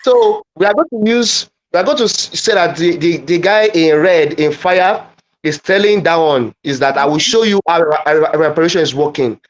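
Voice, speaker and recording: A man leading a live online teaching demo, halting and repeating phrases as he dictates wording. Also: fairly high pitch, muffled recording. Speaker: guest presenter.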